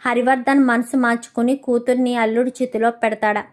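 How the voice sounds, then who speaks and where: A woman's voice: on the high side, level tone, a little fast. A woman narrator retelling a TV serial episode, linking quotes with repeated tag phrases.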